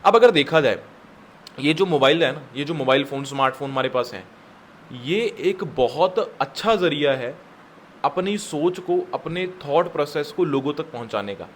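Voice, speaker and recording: This network marketing business coach has a fairly high, animated voice at normal speed, with slight background noise. His motivational talk is emphatic: he repeats key lines, mixes in English words, and calls his viewers "guys."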